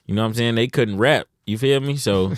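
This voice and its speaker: A man's voice: medium pitch, fairly quick, dry recording, studio quality. A young man from Detroit, a rapper talking as a podcast guest in laid-back slang, dropping "you know what I'm saying" often. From Detroit, USA. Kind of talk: casual interview.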